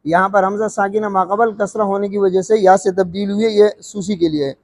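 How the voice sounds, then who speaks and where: Male recitation teacher, high voice, patient explainer who stretches out examples and checks understanding; reverberant room. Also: fairly even intonation, a little mellow. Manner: slow drawn-out recited examples between explanations.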